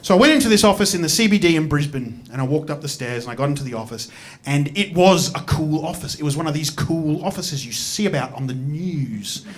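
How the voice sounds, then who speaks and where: Brief: Australian male stand-up, higher voice, rambling and swearing, self-deprecating storytelling. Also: animated, a little fast, background noise. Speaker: stand-up comedian. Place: comedy stage before a live audience.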